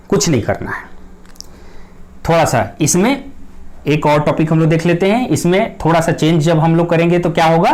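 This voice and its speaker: A man's voice: fairly high pitch, a little mellow. Patient male English grammar teacher. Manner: patient, repeats key points, reassuring. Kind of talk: explanatory lesson.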